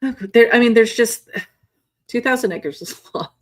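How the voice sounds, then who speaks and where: A woman hosting a podcast interview, eager and chatty, with quick affirmations. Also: a little high. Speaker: podcast host. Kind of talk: casual interview chat.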